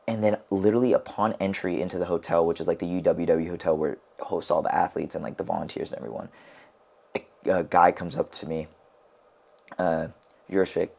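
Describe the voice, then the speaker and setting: His voice sits low, a little mellow with vocal fry: a young man from the United States who wrestles and co-hosts a casual podcast. His storytelling rambles, loaded with "like" and restarts.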